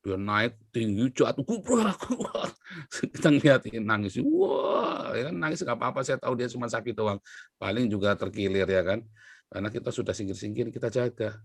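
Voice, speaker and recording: A middle-aged man from Indonesia, a pastor preaching in a chatty, storytelling way, swinging between loud emphasis and quiet asides. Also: medium pitch, sing-song, moderate pace, creaky, dry recording, clean studio sound. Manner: chatty and anecdotal, with sudden rises and drops in volume. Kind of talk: sermon.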